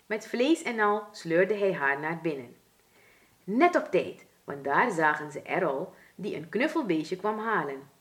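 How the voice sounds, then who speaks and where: Surinamese dutch woman reading a kids' storybook, super slow, really animated voice. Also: lowish voice. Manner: expressive, deliberate.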